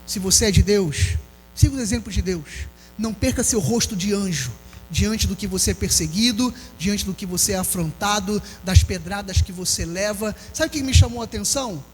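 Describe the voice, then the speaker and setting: A Brazilian pastor preaching an impassioned sermon, calling out questions to the congregation. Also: male voice, sits high. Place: church hall. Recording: long hall reverb with faint music.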